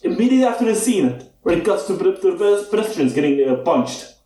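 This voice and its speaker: A man's voice: sits high, big pitch swings, fairly quick, mellow. Man, podcast co-host, rambling, filler-heavy, echoey room, distant mic, faint hiss. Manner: rambling, with many "like, you know" fillers. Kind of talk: casual podcast chat.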